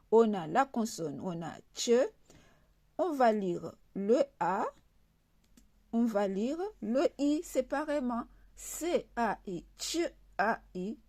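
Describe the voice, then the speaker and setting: Female teacher, calm and slow-paced, spells out letters and repeats sample words. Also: medium pitch. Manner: patient, repeats example words. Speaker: language teacher. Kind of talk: slow spoken alphabet lesson.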